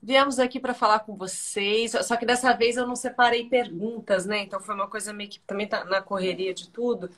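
A woman's voice: medium pitch, fairly even intonation, fairly quick, few pauses, a bit bright. Chatty young woman on a live stream. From Paraná, Brazil. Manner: chatty, reads fan comments aloud. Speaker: actress hosting a fan live stream. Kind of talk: casual live-stream chat. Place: home living room, indoors. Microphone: video call on webcam.

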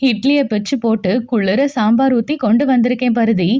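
A woman's voice: a little high, a little fast, mellow, highs cut off, lightly acted. A woman voicing a loving, anxious middle-aged mother who speaks fondly and with worry to her son. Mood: fond, worried. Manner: fond, worried.

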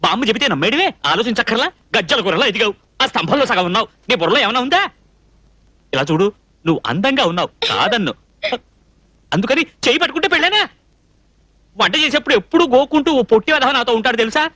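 An actor playing a flustered young male cook who blusters and talks fast in a film comedy scene. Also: dry recording, heavily acted. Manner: fast, excitable, swings wildly in pitch.

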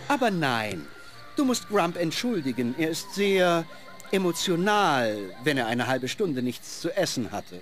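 The scholarly head of a two-headed ogre giant in a fantasy game. He is pompous and fussy, lecturing in a high voice with very animated intonation. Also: measured pace, soft background music. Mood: pompous, apologetic. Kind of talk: fantasy video game acting.

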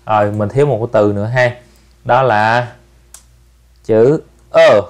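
A man, hosting a relaxed step-by-step app tutorial and softening his phrases with tag particles. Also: lowish voice, fairly quick. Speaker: channel host giving an app tutorial. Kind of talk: casual screen-recorded tutorial.

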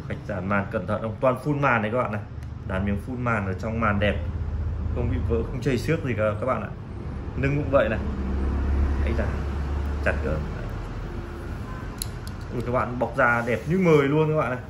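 A man gives a casual, halting sales pitch as a shop seller, often repeating himself. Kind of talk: casual sales pitch presenting used phones. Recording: clearly noisy room recording.

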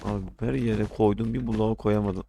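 A man's voice: lowish voice, fairly even intonation, moderate pace, vocal fry, warm tone, slight background noise. A young man casually commenting on his own gameplay, often frustrated, ranting and swearing at the game. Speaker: gaming streamer.

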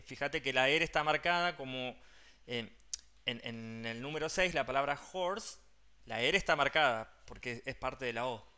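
With a mid-range voice that sounds bright, forceful, clear and resonant, a man with a Rioplatense Spanish accent teaches English. He explains pronunciation patiently, step by step, peppering his Spanish with English terms.

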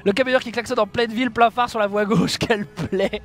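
A man's voice: high voice, steady tone, a little fast. A man giving casual commentary over his own gameplay, exclaiming at his mistakes and making joking, self-mocking asides to his viewers. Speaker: video game streamer.

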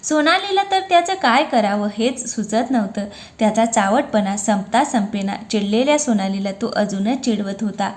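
A woman with a fairly high, light voice reading a romantic story aloud. She narrates in an expressive storyteller's manner, shifting easily into dialogue. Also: moderate pace, hardly any pauses.

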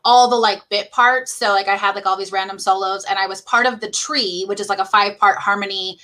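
Female interview guest, bright, forward voice; chatty and filler-heavy delivery. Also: medium pitch, steady tone. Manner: chatty, fast, says "like" a lot, laughs often. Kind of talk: casual conversation.

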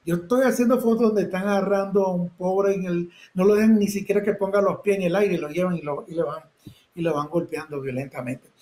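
A middle-aged man with a Nicaraguan accent recounts his work as a photojournalist in a high-pitched voice. He tells his stories vividly, acting out the shouts of others and the sounds of the moment. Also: steady tone, a little fast, rough recording. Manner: vivid storyteller, acts out shouted quotes and sound effects. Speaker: photojournalist guest. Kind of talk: personal storytelling interview.

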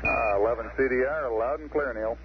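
A man's voice: mid-range voice, a little fast. A man at mission control, calling a crew in clipped, formal radio phrasing over a crackly radio link. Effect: heard over a crackly radio link. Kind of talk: procedural radio voice checks. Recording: noisy lo-fi 1960s radio archive.

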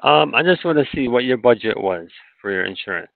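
Guy telemarketer, casual sales patter, bit of fry, thin dry phone sound. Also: mid-range voice, expressive, fairly quick, no room sound. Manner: telemarketer patter, informal reassurance. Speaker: insurance telemarketer. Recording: narrow tinny phone line.

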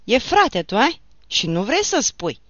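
Woman putting on a mean field watchman guy, yelling threats, sharp forceful voice, dull lo-fi sound. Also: fairly high pitch, sing-song, no room sound, voice pushed up. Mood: menacing. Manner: threatening, shouting. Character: brutal burly male field watchman, menacing. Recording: dull lo-fi audiobook recording.

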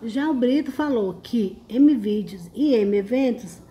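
Brazilian woman, livestream host, warm mellow tone, chatty and teasing. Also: fairly high pitch, expressive, a little slow. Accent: Brazilian Portuguese. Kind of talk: casual live chat, reading comments.

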